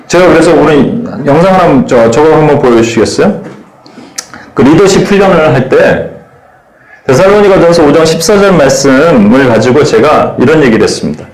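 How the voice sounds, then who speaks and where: A man preaching a sermon in an animated way, acting out the voices he quotes. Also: fairly high pitch, moderate pace, roomy sound, low-quality recording. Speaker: pastor.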